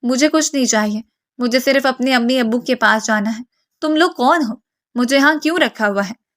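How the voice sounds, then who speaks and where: Brief: panicked young woman, shrill and insistent, high voice, as a woman narrator reads her. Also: lively intonation, fairly bright tone. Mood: frantic. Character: frightened young woman, frantic and demanding.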